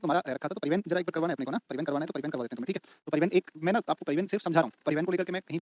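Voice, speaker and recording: In a clean, echo-free studio recording, a man with a somewhat high, slightly mellow voice teaches exam prep at a rapid-fire pace. He talks colloquially, uses beta and bhai for his students, and repeats each point over and over for note-taking.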